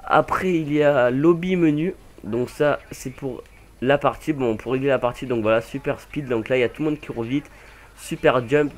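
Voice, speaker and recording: A young man casually commenting over a game mod demo, rambling with many fillers and self-corrections. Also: mid-range voice. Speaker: gaming channel host.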